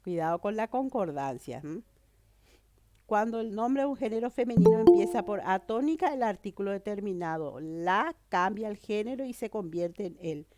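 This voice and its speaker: A woman's voice: mid-range voice, expressive, normal speed, darkish tone, no echo, soft background music. A woman teacher with a cold, explaining a grammar lesson and often checking that students follow. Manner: explanatory, checks understanding with "¿verdad?" and "¿mm?". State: has a cold.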